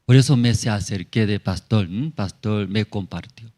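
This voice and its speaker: A man's voice: lowish voice, normal speed, warm tone. A male pastor giving a sermon testimony in simple, broken phrasing, often checking in with tag questions. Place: church in La Paz.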